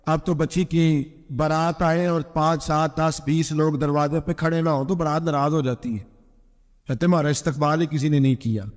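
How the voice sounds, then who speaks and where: A man preaching a storytelling sermon, earnest, asking the listeners questions. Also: a little high. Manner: earnest, rhetorical questions to the audience. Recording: echoey hall with long reverb.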